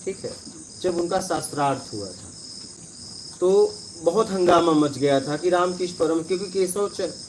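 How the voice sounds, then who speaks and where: High-voiced man giving a spiritual talk. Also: expressive, measured pace, darkish tone, a little hiss or hum. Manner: conversational, checks in with listeners, tells parables. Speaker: spiritual teacher. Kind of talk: spiritual discourse to listeners.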